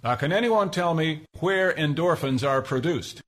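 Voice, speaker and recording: An actor playing a patient schoolteacher in a radio commercial, lecturing a class in a deliberate, instructional way. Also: male voice, fairly high pitch, animated, fairly bright tone, faint music behind.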